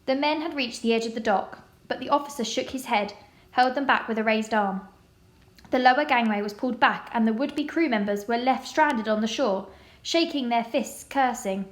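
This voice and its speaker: A woman reading a children's novel aloud in a measured, expressive way. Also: a little high, echoey room. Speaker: storybook reader.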